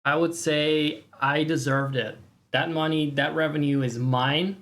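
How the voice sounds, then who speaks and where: Livestream host, casual chat. Mid-range pitch, sarcastic, mock-boastful, foul-mouthed. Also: fairly even intonation, a little slow, a bit bright. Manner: profane. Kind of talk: casual chat to stream viewers.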